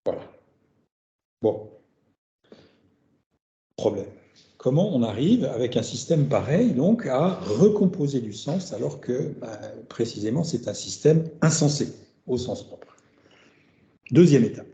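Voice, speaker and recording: Very dark-voiced man lecturing, roomy. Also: medium pitch, big pitch swings, a little slow, long pauses. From France. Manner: thinking aloud, repeating words and tagging phrases with "hein". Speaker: researcher giving a seminar lecture. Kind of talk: academic lecture. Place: seminar room. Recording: roomy, dull lecture-room recording.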